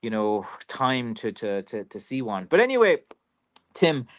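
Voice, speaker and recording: A man's voice: medium pitch, very animated, a little slow. Rambling Irish man on a livestream. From Ireland. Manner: rambling and chatty, with many fillers and restarts. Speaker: professional stick maker. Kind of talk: casual livestream chat reading viewer comments.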